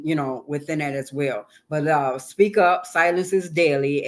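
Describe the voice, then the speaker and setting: A woman guest on an interview show, talking casually and earnestly, repeating phrases for emphasis. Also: low voice. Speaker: guest, hip hop artist and author.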